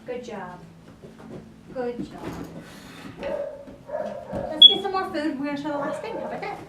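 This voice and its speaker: High-voiced woman dog trainer, roomy. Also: sing-song, a little slow, far from the mic, very noisy. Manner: short cheerful commands and praise, sing-song encouragement. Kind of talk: puppy training lesson with spoken explanations. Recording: roomy sound, away from the mic.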